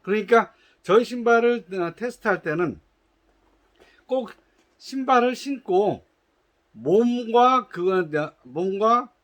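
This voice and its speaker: Representing a shoe company, a man patiently walks through how to test his product in polite, formal instructional speech. His high voice is animated and a bit bright, but he goes slowly, with long pauses, frequent hesitations, and restarts.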